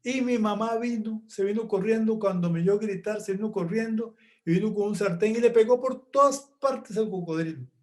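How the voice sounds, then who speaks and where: A man giving a motivational talk who tells a story and acts out each person in it, slowing down to land his points. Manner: animated storyteller, voices the mother higher and the boy lower, slows for emphasis. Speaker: motivational speaker.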